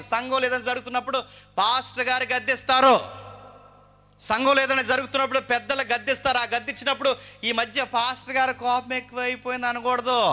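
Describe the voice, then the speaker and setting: A man's voice: very high voice, sharp tone. A male preacher with a Telugu accent giving an emphatic sermon, asking the congregation questions and repeating phrases for force.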